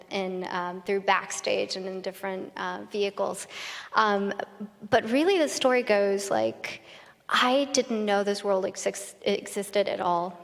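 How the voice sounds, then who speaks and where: A woman at a medium pitch giving a brisk, upbeat panel answer. She is an investor speaking from a conference stage. A long hall reverb hangs behind her words. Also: gravelly. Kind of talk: conversational panel talk.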